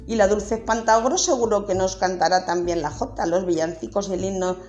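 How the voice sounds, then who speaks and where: A woman voicing a sugary, polite mother in a read-aloud story, sweetly flattering. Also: medium pitch, a little fast, faint music behind, lightly acted.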